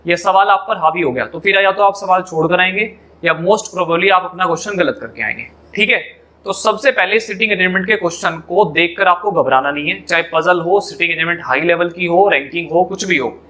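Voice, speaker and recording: A man teaches a reasoning lesson at a board. His voice sits high and rings bright and clear. He works through each step, repeats the key points and keeps asking his students questions. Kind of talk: classroom whiteboard lesson.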